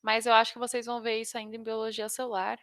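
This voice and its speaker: A Brazilian woman with a bright, fairly high voice gives an informal lesson as a teacher. She has a slight lisp and trips over technical words. The sound is close and dry. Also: completely flat delivery, racing, dry recording. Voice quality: slight lisp, tongue-tied. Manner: stumbles over technical terms. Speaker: biology teacher. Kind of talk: informal lesson for exam students.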